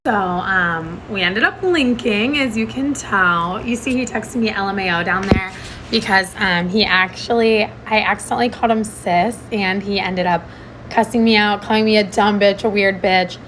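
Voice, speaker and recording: A young adult woman telling a story in a quick, excited, gushing way. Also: medium pitch, slight background noise, low-quality recording. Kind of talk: casual storytelling.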